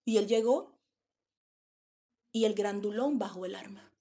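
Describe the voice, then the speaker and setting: A woman's voice: medium pitch, unhurried, warm tone. A woman preaching a sermon, telling stories dramatically and acting out the voices. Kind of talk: sermon storytelling.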